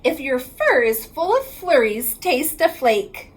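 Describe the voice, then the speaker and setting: A woman with a high voice and big pitch swings reads a rhyming picture book aloud to children, sing-song and drawing out the ends of lines. There's a little hiss or hum in the background.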